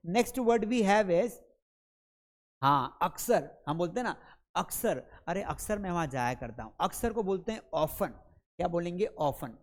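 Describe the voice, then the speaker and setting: A man's voice: high-pitched, animated, a little slow. A man teaches English pronunciation in a lesson. He keeps asking his viewers what a word is, then answers himself and repeats the word as a drill. He calls them friends and kids along the way. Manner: repetitive, drills each word.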